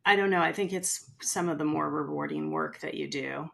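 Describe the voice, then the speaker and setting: A woman's voice: sits low, normal speed, gravelly. A middle-aged woman, a real estate agent, talking casually in a podcast conversation and acting out the people she quotes. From California. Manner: chatty, animated storyteller who acts out quotes.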